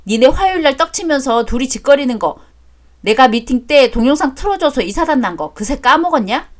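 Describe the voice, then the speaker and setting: A woman performing a scolding, sharp-tongued part in a radio drama. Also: high voice, lively intonation, brisk. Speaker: narrator and voice actor.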